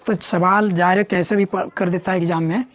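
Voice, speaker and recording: A young woman teaching a grammar lesson at a board. She repeats key words, asks her students questions and slows down to spell out words syllable by syllable. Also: on the low side, steady tone.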